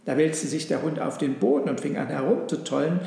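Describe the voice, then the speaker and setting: A man narrating a storybook aloud in a calm, measured reading. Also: fairly high pitch, creaky. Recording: very echoey room with long reverb.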